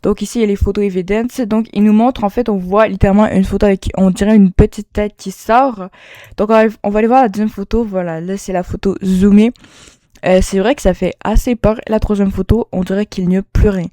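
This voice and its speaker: Chatty woman with a mellow voice. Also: mid-range voice, fairly even intonation, a little fast. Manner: hesitant, many fillers and restarts. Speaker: YouTuber presenting paranormal photos. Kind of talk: casual commentary over screen recording.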